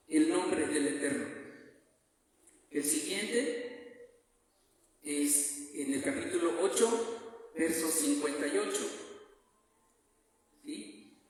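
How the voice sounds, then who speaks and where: A man preaching a Bible teaching sermon to a congregation, deliberate, repeating references and asking listeners rhetorical questions. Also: fairly high pitch. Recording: very echoey hall, mic far off.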